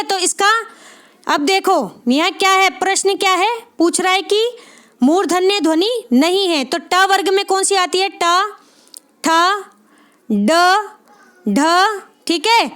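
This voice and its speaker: Woman tutor, very high pitch, encouraging exam-prep teacher, constantly checks for understanding. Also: a bit bright. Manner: encouraging, repeats "ठीक है?" after nearly every phrase; spells out sounds slowly one by one. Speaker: Hindi literature exam tutor. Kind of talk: spoken exam-prep lesson.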